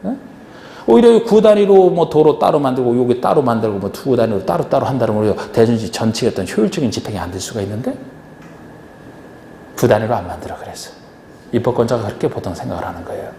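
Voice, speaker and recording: A man's voice: mid-range voice, animated, quick pace, gravelly, dark tone, slight background noise. Man lecturing in an echoey hall. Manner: questioning, rhetorical, coaxing the class. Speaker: real estate agent exam instructor. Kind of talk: classroom lecture. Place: large lecture classroom.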